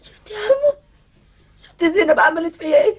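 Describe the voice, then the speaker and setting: A scheming wife in a 1990s Egyptian TV melodrama, moaning and sobbing through fake pain. Her Egyptian voice sits very high and lurches wildly between wails and shrieked accusations. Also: animated, quick pace. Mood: wailing hysterical. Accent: Egyptian Arabic.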